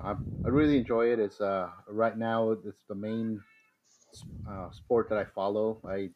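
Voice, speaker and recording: A man from Mexico, a guest on a podcast, chatting casually and rambling with many fillers and restarts. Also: low-pitched. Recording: slightly dull lo-fi sound with faint noise.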